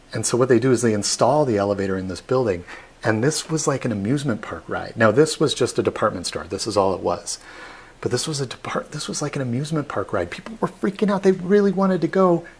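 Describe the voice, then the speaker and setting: Male tour guide, young adult, husky voice, live-stream presenter who acts out quotes with lots of energy. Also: mid-range voice. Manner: animated, acts out quoted people. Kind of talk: lively storytelling presentation.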